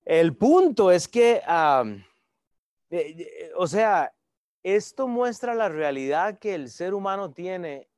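A man's voice: sits high, lively intonation, slow pace, a little mellow, dry recording, studio quality. A man preaching a conversational sermon to an online audience, reading verses aloud and joking with viewers. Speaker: pastor.

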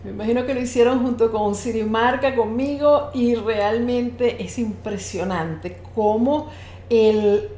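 A woman's voice: a little high, measured pace, dark tone, a little hiss or hum. A woman hosting a podcast live, talking casually and directly to her audience. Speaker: podcast host. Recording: roomy, echoing sound.

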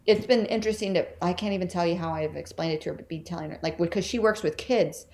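Candid woman, lower voice, laughing often. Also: fast talker, darkish tone. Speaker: interview guest. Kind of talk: casual conversation.

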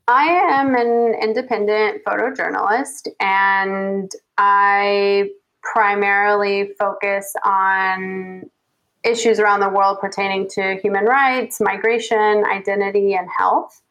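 A woman photojournalist from the United States answering interview questions in an earnest, measured way, with frequent restarts. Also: mid-range voice, flat delivery, fairly bright tone, lo-fi sound. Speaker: guest photojournalist.

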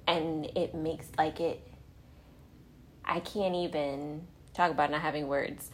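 A middle-aged woman, a podcast host and mother, talking slowly and tenderly, often dropping to a whisper. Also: low-pitched, fairly even intonation. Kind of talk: casual heartfelt conversation.

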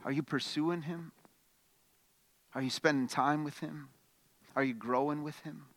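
High bright-voiced male pastor preaching. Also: fairly even intonation, measured pace. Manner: repeats words at the start of phrases, conversational preaching; swings between loud emphatic bursts and quiet questioning. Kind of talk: sermon.

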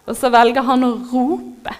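Heartfelt woman preaching, fairly high voice. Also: level tone. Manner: heartfelt, moved, laughs softly, pauses with fillers. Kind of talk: sermon.

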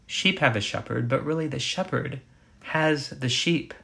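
Male preacher, mid-pitched, deliberate and emphatic sermon delivery. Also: vocal fry, bright, forceful tone. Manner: measured, emphatic, slows on quoted scripture. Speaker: pastor.

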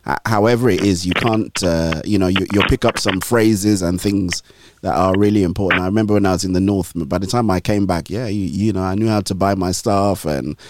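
A man hosts a gospel radio interview from a studio, often restarting his words and urging his guest on in a preachy way. His voice is low and fairly quick, with background noise audible.

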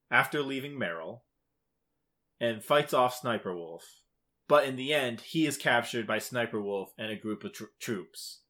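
In a mid-range, fairly bright voice, this podcast co-host gives a casual rundown of a video game's story. He delivers it in short, clipped, emphatic phrases.

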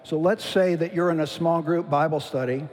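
A man preaching a sermon in a church, measured, with slow and emphatic phrase endings. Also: on the high side, steady tone, a little mellow. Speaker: pastor. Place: church sanctuary. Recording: long hall reverb.

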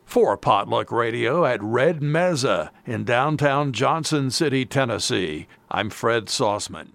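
A man's voice: mid-range voice, expressive, gravelly, a bit bright, dry recording. A man narrating a scripted radio food feature as a reporter. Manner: measured, deliberate delivery.

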